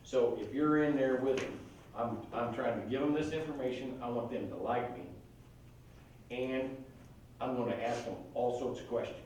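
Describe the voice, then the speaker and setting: A man's voice: mid-range voice, moderate pace, a little mellow, a little hiss or hum. A man giving casual real estate training, folksy and full of anecdotes. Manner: folksy, conversational, tells anecdotes. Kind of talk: casual classroom training talk. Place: training room. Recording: echoey room, mic far off.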